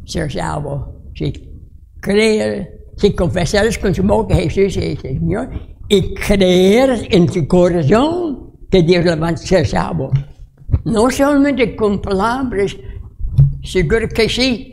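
Older man, pastor preaching, high voice, heavy gravelly fry, halting broken phrasing. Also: animated, darkish tone, a little hiss or hum. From United States. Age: 60s. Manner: halting, broken Spanish with restarts. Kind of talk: storytelling sermon.

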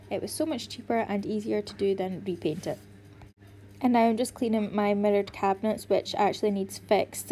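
A young pregnant woman, tired yet chatty, does a friendly voice-over for her home cleaning vlog, explaining each step. Her voice is medium-pitched and mellow, with a little hiss or hum in the audio.

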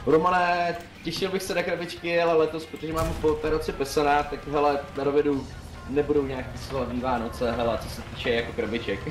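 A young man streaming a tank game, chatting casually and calling out moves to his teammates in a quick, joking way. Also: on the high side, flat delivery. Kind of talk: casual gaming chat. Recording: roomy sound with clear music behind.

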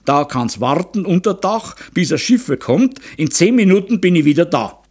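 A hearty young mountain hunter, voiced by a male audiobook reader, talks in a broad Bavarian accent. His folksy dialect is reassuring and cheerful, with a lively, swinging pitch that rises above the reader's usual tone. It is an audiobook character voice. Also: normal speed, exaggerated voice.

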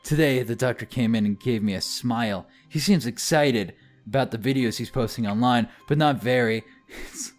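A man's voice: medium pitch, moderate pace, hardly any pauses, soft background music. A man reading a visual novel aloud in a mock-dramatic way, breaking off into jokes with a friend. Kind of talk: comedic read-through.

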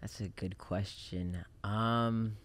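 Male podcast guest, thirties, low voice, relaxed and reflective. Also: slow. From Japan. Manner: relaxed, reflective, many fillers. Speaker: podcast guest, film director. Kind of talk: casual interview chat. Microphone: studio mic on boom arm.

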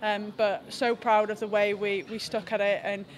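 A young woman, a rugby team captain, giving a halting, reflective post-match press interview indoors into handheld mics held close. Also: medium pitch, flat delivery. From England. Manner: reflective, halting with frequent restarts. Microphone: several handheld press mics close to her face.

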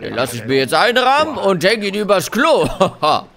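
Man, let's play host, chatty and joking, lively fairly high voice, game music behind. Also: normal speed, vocal fry. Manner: chatty, jokey, talks to viewers. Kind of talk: casual gameplay commentary.

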